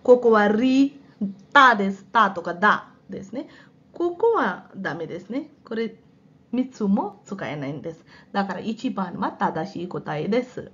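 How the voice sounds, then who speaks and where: A woman teacher with a sore throat talks slowly and patiently, letting her pitch rise and fall a great deal. She keeps checking in with her listeners. The recording sounds dull and a little muffled. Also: sing-song, fairly bright tone, a little hiss or hum. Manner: explains in Hindi mixed with Japanese, checks in often. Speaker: Japanese language teacher. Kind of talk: exam practice lesson.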